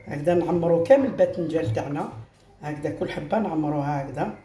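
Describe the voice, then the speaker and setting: A woman's voice: deep voice, quick pace, dark tone. Algerian woman demonstrating a recipe in an echoey kitchen. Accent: Algerian Arabic. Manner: chatty, repetitive, addresses viewers as girls. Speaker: home cooking channel host. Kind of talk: casual step-by-step cooking demonstration. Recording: roomy echo with faint background noise.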